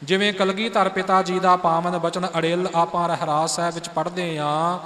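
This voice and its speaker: A man with a high voice teaches the recitation of Sikh scripture, moving from calm explanation into slow sung lines that show the right pronunciation. His voice carries a long reverb, as if he is in a large hall. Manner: explains calmly, then sings lines slowly to model pronunciation.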